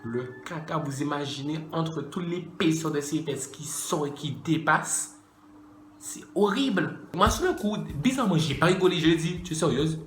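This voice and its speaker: A man's voice: on the high side, expressive, normal speed, a little hiss or hum. A man telling a casual storytime to his viewers, slangy and chatty, addressing them directly. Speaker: YouTuber. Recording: echoey room with faint music.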